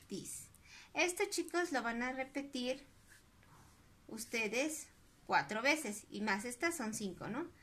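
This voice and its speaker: A woman with a Mexican Spanish accent teaches English to young children in a recorded online class, drilling words slowly and stretching out the pronunciation. Her voice is fairly high and a bit bright, with some vocal fry.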